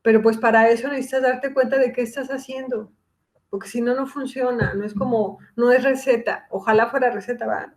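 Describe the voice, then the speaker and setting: A woman's voice: a little high, steady tone, fairly quick. A middle-aged woman, a psychologist talking through a casual podcast conversation and explaining her points with examples and quoted dialogue. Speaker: guest psychologist.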